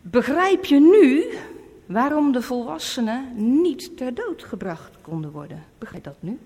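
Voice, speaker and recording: A woman's voice: high voice, sing-song, a little slow, a little mellow, husky. Emphatic woman preaching in echoey hall. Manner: emphatic, repeats warnings. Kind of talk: sermon.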